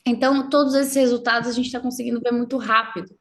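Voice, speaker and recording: A woman from Brazil speaks in her voice. She is a guest in an interview and lays out her points fluently and emphatically, with confidence. Her voice sits a little high. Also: flat delivery, fast talker. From southern Brazil. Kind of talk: explanatory interview talk.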